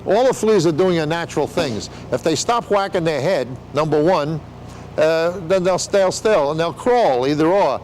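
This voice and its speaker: A man's voice: on the high side, lively intonation, normal speed, a little mellow, slight background noise, low-quality recording. An older man explaining things in a casual interview, with rambling showman patter and joking asides. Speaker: veteran sideshow talker explaining flea circus.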